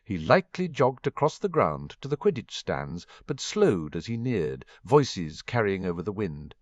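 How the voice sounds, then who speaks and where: A man's voice: on the low side, a little slow, no echo, dull audio. A man narrating a fan fiction audiobook, reading expressively. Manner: expressive reading with varied voices.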